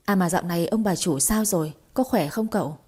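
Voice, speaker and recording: Woman doing humble older maid, polite, mellow husky tone. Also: lowish voice, a little fast.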